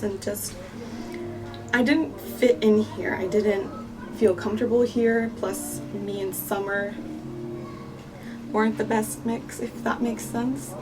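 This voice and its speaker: A female vlogger in her twenties chats reflectively in a medium-pitched voice while doing her makeup by a pool on holiday outdoors, in a casual get-ready-with-me style full of "like" fillers. The mic is distant and the recording is rough.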